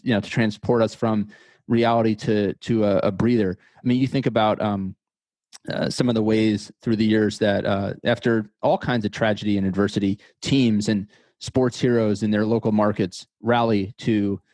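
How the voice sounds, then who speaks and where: Guy in his 30s on a podcast, lowish voice, dry, kinda repeats himself while thinking. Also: a little mellow, no room sound. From United States. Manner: thoughtful, repeats words as he thinks. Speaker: podcast guest. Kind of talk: casual interview conversation.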